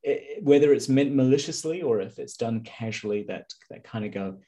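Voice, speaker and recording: A man's voice: mid-range voice, lively intonation, a little fast, mellow. A man hosting a podcast, asking questions in a reflective, conversational way. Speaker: podcast host. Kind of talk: casual interview.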